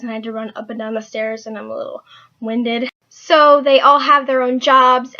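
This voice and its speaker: A woman's voice: sits high, fairly bright tone. A young woman chatting casually through a book review, rambling with lots of filler words. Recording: dull lo-fi recording.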